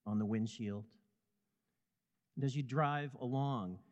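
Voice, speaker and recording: A man telling a story in second person with a measured, vivid delivery. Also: mid-range voice, in a large hall. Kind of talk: scripted second-person narration.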